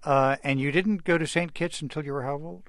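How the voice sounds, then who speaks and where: A man's voice: on the high side, fairly even intonation, brisk, fairly bright tone, no echo. A man interviewing a guest in a conversational broadcast style. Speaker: radio interviewer.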